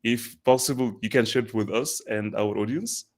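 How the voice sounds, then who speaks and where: A male host opening and running an online interview show. His speech is effusive, yet halting and full of fillers. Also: fairly low pitch.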